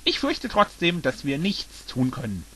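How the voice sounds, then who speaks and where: A man's voice: on the high side, huge pitch swings, unhurried, bright, forceful tone, slightly rough, heavily acted. A man reading the lines of a worried, helpless male dinosaur in a fan-made audiobook, fretting and reasoning aloud.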